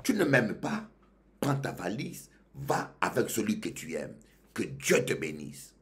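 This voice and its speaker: Animated preacher man. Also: unhurried. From Congo. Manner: animated, swings between loud outbursts and low murmurs, laughs. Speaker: pastor. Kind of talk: sermon.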